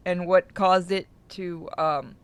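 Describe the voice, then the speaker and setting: Game music plays behind a co-hosting streamer who reads visual novel narration aloud, chats casually and swears freely. Their mid-range voice is slow, clear and resonant, with fairly even intonation.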